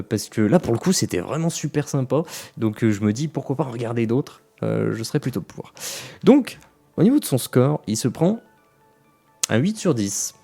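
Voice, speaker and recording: In a mid-range, dark-toned voice, a man gives a casual, rambling spoken anime review. He talks directly to his viewers, with plenty of fillers and restarts.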